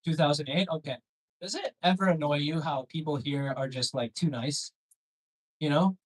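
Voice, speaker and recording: A Canadian man does stand-up with crowd work on a comedy club stage, his voice pitched a bit higher than most men's. He rambles conversationally with a sardonic edge, swears, and questions the audience, with fairly even intonation at normal speed. The recording is rough.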